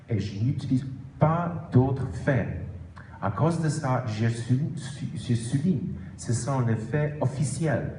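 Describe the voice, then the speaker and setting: A man with a foreign, non-native accent in French gives an explanatory presentation as an author, haltingly, correcting himself and stressing key words. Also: mid-range voice, a little mellow. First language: not French. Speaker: author presenting own book. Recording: roomy echo with faint background noise.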